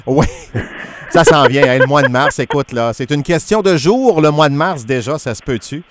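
A man's voice: on the high side, lively intonation, normal speed, fairly bright tone, a little hiss or hum. Upbeat Québécois man hosting radio. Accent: Québécois French. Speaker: radio morning show host. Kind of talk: casual radio interview.

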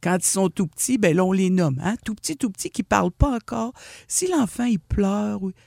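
A woman with a Québécois French accent giving parenting advice as a radio columnist, animated and explanatory, often acting out what a parent would say to a child. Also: mid-range voice, moderate pace, creaky, dry recording, clean studio sound.

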